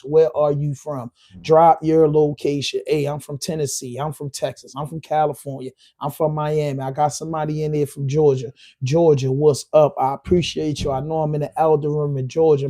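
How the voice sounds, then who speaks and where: A man hosts his own livestream podcast, riffing loosely to the chat. His voice sits a bit high for a man and has a dark, mellow tone. He talks in a heated, emphatic way, circling back to repeat his points. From Baltimore. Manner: heated, repetitive, emphatic street talk. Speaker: podcast host. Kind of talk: live-stream commentary.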